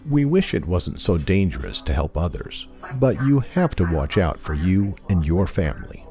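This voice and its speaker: A man reading scripted, wry commentary as a video host, deadpan and mock-serious. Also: sits low, normal speed. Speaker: narrator and host of a video compilation channel. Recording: voice-over with music behind.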